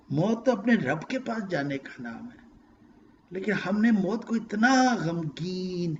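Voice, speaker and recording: A man giving an emotional religious lecture, swinging between loud exclaims and hushed phrases and reciting verses in Arabic. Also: high voice, highs cut off, slight background noise. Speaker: Quran lecturer.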